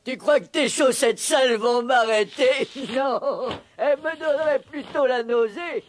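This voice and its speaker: A man's voice: extremely high pitch, unhurried. A man dubbing an evil talking clown doll in a French cartoon, sneering and theatrical.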